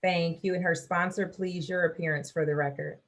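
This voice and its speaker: Low-voiced woman judge on a court recording. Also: steady tone. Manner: measured, formal, calling each party for the record. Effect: courtroom hearing recording over a video call. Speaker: judge presiding over a virtual hearing. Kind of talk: formal on-the-record court proceeding. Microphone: video call.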